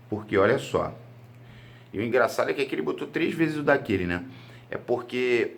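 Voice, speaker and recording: A man's voice: medium pitch, a bit bright. A Brazilian man teaching a grammar lesson for exam prep, explaining step by step and answering his own rhetorical questions. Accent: Brazilian Portuguese.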